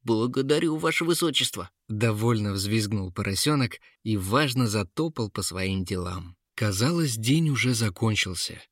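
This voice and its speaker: A man narrating a fairy tale audiobook in a lively, expressive way. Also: lowish voice, a little slow, few pauses, no echo, studio quality.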